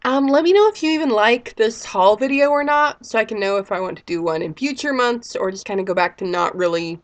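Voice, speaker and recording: A woman's voice: a little high, fairly quick. Chatty sick-voiced woman in her thirties. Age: 30s. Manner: chatty, rambling with fillers. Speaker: vlogger. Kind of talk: casual chat.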